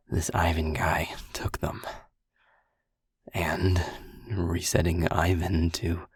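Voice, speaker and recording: In this audio roleplay, a man voices a gruff, protective friend using a full character voice that is low, husky, breathy and somewhat dark in tone. He phrases things slowly and deliberately, and the clean studio recording has no echo.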